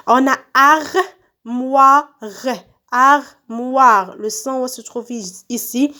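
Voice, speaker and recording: Slow, high-voiced woman teacher. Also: sharp tone. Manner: slow, stretched-out words repeated for children. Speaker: primary school teacher. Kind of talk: recorded home lesson for young pupils. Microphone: phone.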